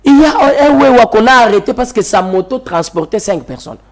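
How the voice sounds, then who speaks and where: A man's voice: extremely high pitch, lively intonation, brisk, over music. A man from the DR Congo with a Congolese French accent, arguing his point as a guest in a televised political debate and repeating phrases for emphasis.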